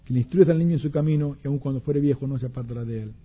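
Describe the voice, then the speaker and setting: A man preaching a sermon who slows down to read scripture verses aloud. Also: medium pitch, husky. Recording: muffled lo-fi recording.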